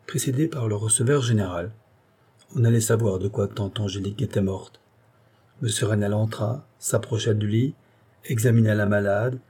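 Dark, husky male audiobook narrator. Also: medium pitch. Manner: steady, measured literary reading. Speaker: audiobook reader. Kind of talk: scripted narration.

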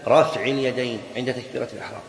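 A man's voice: medium pitch, fairly even intonation, racing, vocal fry, slight background noise. Man lecturing in an echoey hall. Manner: explains point by point, repeats key phrases, asks rhetorical questions. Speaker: Islamic jurisprudence teacher. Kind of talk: classroom lecture on a fiqh text. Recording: echoey hall with long reverb.

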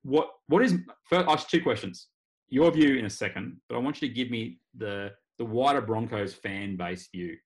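A man's voice: mid-range voice, moderate pace. An Australian man hosting a casual sports podcast, talking in a wry, rambling way. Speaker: podcast host. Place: remote video call.

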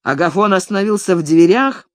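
A narrator reading a classic literary story aloud in an expressive audiobook style. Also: medium pitch, brisk, no echo, clean studio sound. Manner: expressive, varied intonation.

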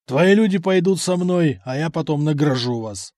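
A man's voice: a little high, expressive, normal speed, a little mellow, no room sound, clean studio sound, natural voice. Arrogant greedy count, indignant and haughty, done by a male reader. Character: proud greedy middle-aged male count.

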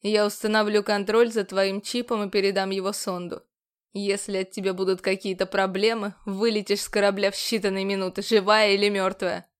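A woman's voice: mid-range voice, flat delivery, normal speed, clean tone, lightly acted. A woman voicing a stern male alien commander who speaks harshly and curtly. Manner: harsh, clipped, raised voice.

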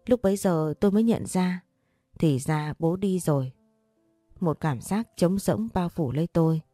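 A woman narrating a sad family story in the first person, reading softly with emotion. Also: fairly low pitch, normal speed, no room sound, faint music behind.

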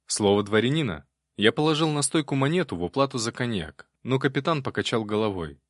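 A man's voice: medium pitch, lively intonation, fairly quick, no echo, studio quality. A man reading a first-person audiobook in a wry, conversational storytelling manner. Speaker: audiobook narrator.

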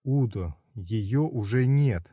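A man's voice: medium pitch, animated, slow pace, mellow, breathy edge, no echo, lo-fi sound. A man voicing a stern, weary man who answers his panicking comrade in curt, blunt lines.

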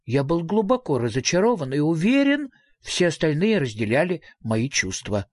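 An audiobook narrator reading a children's story with lots of expression. The pitch rises and falls in a lively way. The sound is close and very dry. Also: moderate pace, husky, dry recording.

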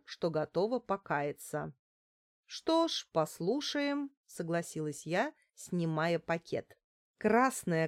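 A woman's voice: on the low side, no room sound. Woman narrating a dry detective audiobook. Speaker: audiobook reader. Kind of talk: first-person detective novel narration.

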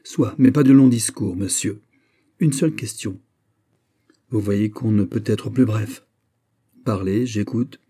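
A man's voice: on the low side, measured pace, pauses often, warm tone, breathy edge. A man reading aloud, voicing a hot-tempered, haughty young English duke in an audiobook. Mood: heated. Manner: imperious, angry outbursts.

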